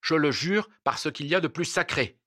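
A man's voice: medium pitch, animated, a little fast, bright, forceful tone, breathy edge, no room sound, clean studio sound. A man reading aloud and voicing an agitated, frantic husband who pleads and insists. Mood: anxious. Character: agitated frantic Turkish husband, middle-aged.

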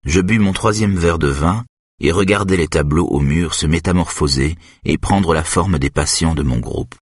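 An audiobook narrator with a very deep, husky male voice reads first-person narration at a moderate pace. The recording is dry, with clean studio sound.

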